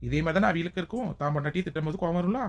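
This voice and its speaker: In this village comedy skit, a woman plays a bold, sharp-tongued, joking village woman, and the acting is light. She talks very fast in a somewhat low voice. The audio has its highs cut off, with a little hiss or hum.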